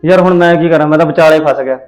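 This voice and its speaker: A man's voice: a little high, fairly even intonation, rapid-fire, darkish tone, reverberant, faint music behind, close to an everyday voice. A man playing an exasperated young husband. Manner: exasperated, defensive. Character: torn young husband defending his mother. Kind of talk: village family drama acting.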